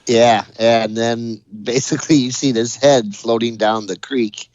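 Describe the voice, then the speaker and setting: A man's voice: medium pitch, steady tone, unhurried, a little mellow, no room sound, dull audio. A man co-hosting a casual movie podcast, laid-back, laughing easily and agreeing often. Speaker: podcast co-host.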